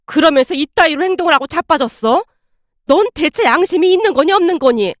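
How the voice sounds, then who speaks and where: A woman's voice: high voice, lively intonation, brisk, no echo, studio quality. A woman voicing an older mother-in-law who scolds her daughter sharply. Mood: scolding.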